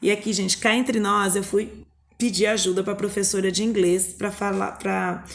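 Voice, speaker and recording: A woman's voice: medium pitch, little pitch movement, moderate pace, creaky. A woman with a Brazilian Portuguese accent, a teacher explaining a lesson to her students on video, often checking in with short tag questions.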